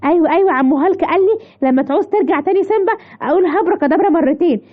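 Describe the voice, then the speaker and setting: A woman's voice: very high-pitched, rapid-fire, narrow, tinny audio. A woman with an Egyptian accent voicing a playful, whiny little lion cub boy in a children's story. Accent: Egyptian Arabic.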